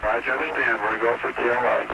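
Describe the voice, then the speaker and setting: A man's voice: mid-range voice, level tone, quick pace, vocal fry. A man, an astronaut in flight, answering over a crackly radio link with brief matter-of-fact replies. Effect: crackly space radio transmission. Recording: noisy archival radio link.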